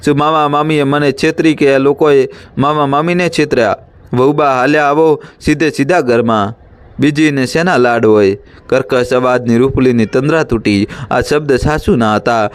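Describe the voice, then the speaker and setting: A man reading a village story aloud as narrator, in a steady, measured way. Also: mid-range voice.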